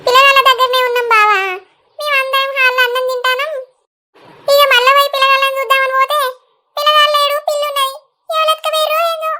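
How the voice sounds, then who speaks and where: A woman's voice: very high voice, little pitch movement, quick pace, sharp tone, heavily acted. A woman voicing a worried village grandmother in a cartoon, with a Telangana Telugu accent, pleading anxiously for news of her grandson.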